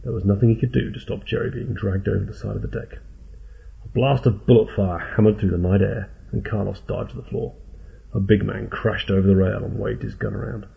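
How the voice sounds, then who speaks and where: Gravelly, husky male narrator. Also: on the low side, fairly even intonation, fairly quick. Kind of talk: audiobook narration. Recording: tinny phone-like audio.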